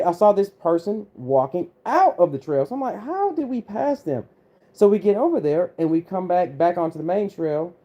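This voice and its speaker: Animated man telling a spooky story. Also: fairly high pitch, muffled recording. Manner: animated, acts out quoted voices. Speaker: host. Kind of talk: casual storytelling on a livestream.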